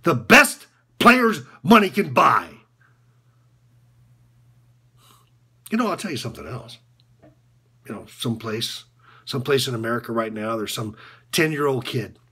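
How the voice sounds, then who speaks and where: Playing a bitter college basketball coach who confesses to corruption, a male actor delivers a film monologue with an exaggerated, very animated voice that is medium in pitch and fairly bright, with a husky edge. Bitter regret drives his halting, repetitive, sardonic speech, which lurches from mutters to outbursts.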